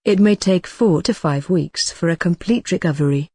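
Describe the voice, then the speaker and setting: A woman playing a reassuring ward nurse in a scripted role-play, speaking gently, calmly and rather formally. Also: fairly low pitch, moderate pace, breathy edge, no echo, studio quality. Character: reassuring female ward nurse counselling a patient. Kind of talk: scripted role-play dialogue for exam practice.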